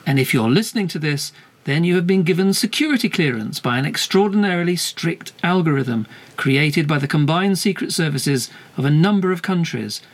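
A man playing a polite, slightly hesitant and anxious podcast host in a comedy interview. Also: a little high.

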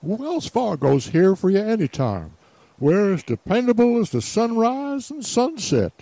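A man's voice: sits high, very animated, measured pace, warm tone, no echo, heavily acted. A man playing a friendly young Western wagon driver who speaks cheerfully.

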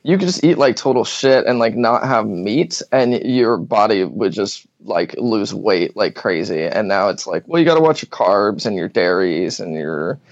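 A man in his thirties co-hosting a casual podcast, easygoing and quick to laugh and agree. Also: lowish voice, animated, no echo, muffled recording. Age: 30s. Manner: laid-back, laughing, agreeable.

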